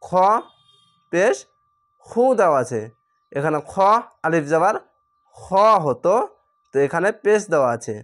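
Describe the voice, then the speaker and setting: Male teacher with a Bangladeshi Bengali accent, very slow and patient, drilling letter sounds one at a time. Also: fairly high pitch, expressive. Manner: spells letters out slowly, repeating each sound. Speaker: Quran reading teacher. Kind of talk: slow step-by-step lesson.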